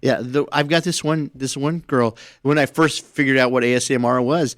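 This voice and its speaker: A man's voice: mid-range voice, fairly even intonation, moderate pace, a bit bright, no room sound, studio quality. A man co-hosting a radio station podcast, chatting casually and rambling with repeated words. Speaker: podcast co-host. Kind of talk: casual chat.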